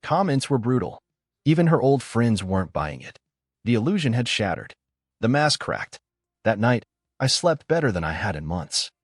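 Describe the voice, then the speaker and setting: A man narrating a first-person story in a calm, measured, scripted way. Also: medium pitch, husky, no room sound, clean studio sound.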